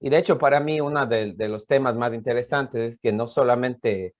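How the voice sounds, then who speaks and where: An Ecuadorian professor delivers a casual, explanatory conference talk in a steady, mid-range voice at normal speed. His Spanish accent comes through on dull audio, and he often hesitates and says words twice.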